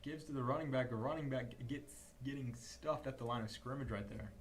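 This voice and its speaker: A young man doing play-by-play commentary for a high school football livestream, calling each snap in rising bursts. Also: fairly quick, slight background noise. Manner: calls plays in rising bursts. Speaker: play-by-play announcer.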